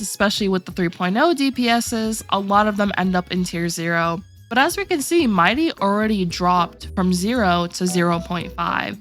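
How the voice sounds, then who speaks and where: A woman hosts a gaming tier list commentary video, explaining character placements steadily and methodically while addressing viewers directly. Her mid-range voice is a little rough from a sore throat, and faint music plays quietly underneath.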